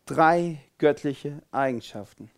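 A man preaching a sermon who reads from the Bible, repeats key phrases and asks rhetorical questions, swinging from loud declarations to quiet, intense asides. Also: on the high side, takes it slowly.

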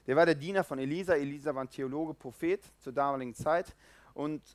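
A man preaching an informal sermon, animated, acting out the voices in the stories and swinging between loud and quiet. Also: a little high, fast, dry recording. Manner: lively, animated, acts out quoted voices, swings loud and soft.

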